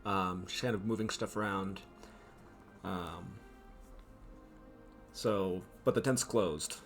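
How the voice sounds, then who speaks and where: A man narrating a tabletop game as game master, setting scenes in an unhurried, descriptive way with frequent ums. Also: low voice, vocal fry, soft background music.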